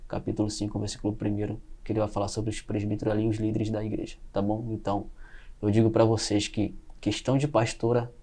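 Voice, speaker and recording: A man's voice: fairly low pitch, monotone, quick pace, warm tone. A man speaking as a guest in an informal podcast debate, teaching and often adding short check questions.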